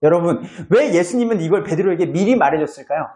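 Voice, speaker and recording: A man's voice: high-pitched, expressive, fast talker, dark tone. A male pastor preaching a sermon in a church, retelling a story with acted-out voices.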